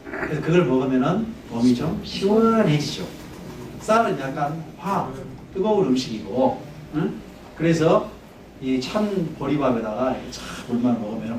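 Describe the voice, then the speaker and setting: A man's voice: fairly high pitch, a little mellow, slight background noise. A man giving a public history lecture, chatty and conversational, often putting questions to his audience. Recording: echoey hall, mic at a distance.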